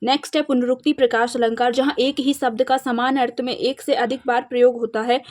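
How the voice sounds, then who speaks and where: Young woman teacher explaining grammar. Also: on the high side. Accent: Madhya Pradesh Hindi. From India. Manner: steady explaining, slows to recite verse examples. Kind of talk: exam revision lesson.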